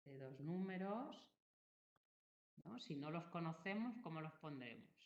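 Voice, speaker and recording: Brief: slow-paced woman math teacher, patient, in a roomy classroom on a dull lo-fi recording. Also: sits low, lively intonation, a little mellow. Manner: patient, explains step by step with frequent checks. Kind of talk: classroom lesson.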